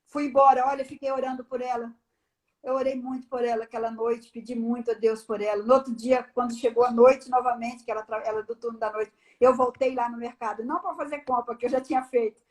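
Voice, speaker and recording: High-voiced woman giving a testimony. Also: fast talker. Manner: animated storyteller, acts out the dialogue. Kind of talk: personal testimony on a live stream.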